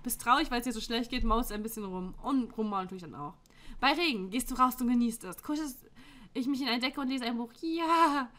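A young woman with a fairly high voice talks casually at home into a desk microphone. She is blunt and slangy, reads quiz questions aloud, and laughs easily between her answers. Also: brisk, a bit bright. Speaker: YouTuber. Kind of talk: casual chat reacting to an online quiz. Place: home room with window open.

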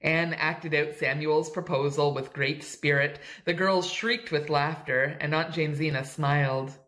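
A woman reading a novel aloud in a steady, even storytelling manner. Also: low voice, unhurried. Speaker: audiobook reader. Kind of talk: scripted narration.

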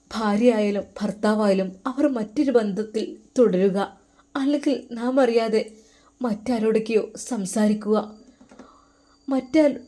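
A woman's voice: on the high side, mellow, natural voice. Woman voicing a heartbroken, pleading husband. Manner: tearful pleading prayer.

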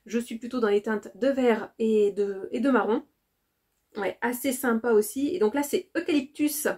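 A woman's voice: a little high, a little mellow. A woman from France chatting casually to camera about her haul, often hesitating with fillers and repeating words. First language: French. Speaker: vlogger presenting a shopping haul.

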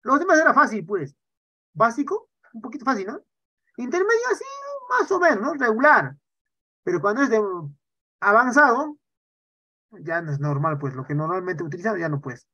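Man teaching online, lively and swooping in pitch, dry dull lo-fi call audio, constant check-ins with the class. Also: moderate pace, long pauses, dry recording. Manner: animated, tags sentences with "¿ya?" and "¿no?". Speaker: Quechua language teacher.

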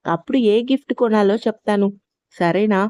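A woman voicing a caring young sister-in-law in an audio storybook, speaking in a fond, gently scolding way. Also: medium pitch, normal speed, no room sound, natural voice. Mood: fond, coaxing.

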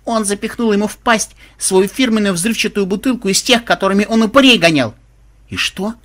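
A man voicing an excitable young woman gamer who shouts shrilly. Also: high voice, slow, pitched above the performer's own voice. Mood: excited.

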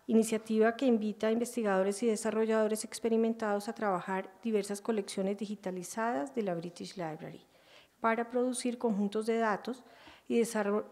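A middle-aged woman with a soft, dark timbre and medium pitch presents at a conference. She reads aloud formally from a prepared text at the podium. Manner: formal, reading aloud with occasional stumbles. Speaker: conference presenter, library director. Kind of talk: formal introduction read from paper. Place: auditorium, indoors. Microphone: gooseneck podium microphone.

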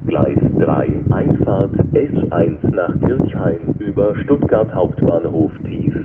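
A man working as a railway station announcer, reading flat, scripted platform announcements in a measured, formal way. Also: low voice. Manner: measured, formal, flat delivery in set phrases. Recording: dull lo-fi recording with loud station noise.

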